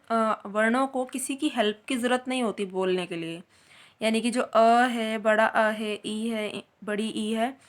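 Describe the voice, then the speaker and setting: A woman teaching a Hindi grammar lesson, explaining step by step and answering her own questions as she goes. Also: a little high.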